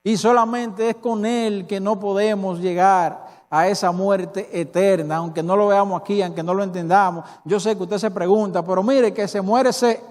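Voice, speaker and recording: A man's voice: high-pitched, fairly even intonation, moderate pace, a little mellow. A male pastor with a Dominican accent preaching a sermon, emphatic and full of rhetorical questions to the congregation. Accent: Dominican Spanish. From Dominican Republic. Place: church hall. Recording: reverberant church hall.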